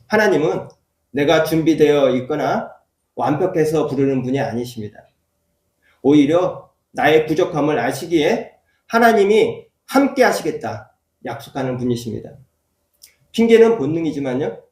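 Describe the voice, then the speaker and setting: A man's voice: on the high side, a little mellow. A man preaching as a church pastor, telling a personal story and then rising into emphatic preaching. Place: church sanctuary. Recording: echoey church hall, voice from far off.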